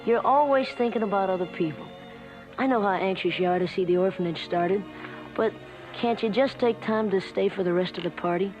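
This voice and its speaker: A young actor playing an earnest, gentle young man who speaks softly and pleads hesitantly, in 1960s TV western acting. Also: sits high, a little fast, lightly acted. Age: young adult. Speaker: young singer visiting his uncle. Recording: dull vintage TV soundtrack with music.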